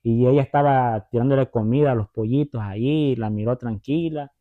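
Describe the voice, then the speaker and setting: A man's voice: medium pitch, fairly quick. A man giving a conversational Bible teaching who retells stories and often checks in with his listeners through tag questions. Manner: retells stories, acting out the voices. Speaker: preacher. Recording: tinny phone-like sound.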